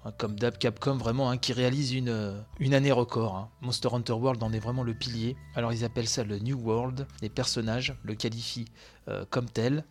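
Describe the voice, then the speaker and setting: A man hosting a video game news show from home, commenting live on trailers in a casual, excited, slangy way. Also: mid-range voice, a little fast, faint music behind.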